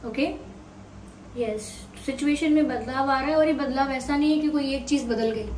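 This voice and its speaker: High-voiced woman reading tarot, roomy. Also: darkish tone. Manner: unhurried, mixing Hindi and English, thinking aloud. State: slightly sore throat. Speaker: tarot reader. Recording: roomy sound, mic at a distance, faint hiss.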